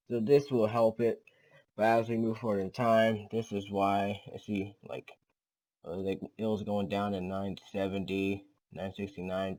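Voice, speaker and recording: A man with a lowish, slightly mellow voice hosts his own weather channel, casually walking through a storm forecast on a low-quality recording. He's hesitant, repeats himself, and uses lots of fillers, admitting to a slight stutter.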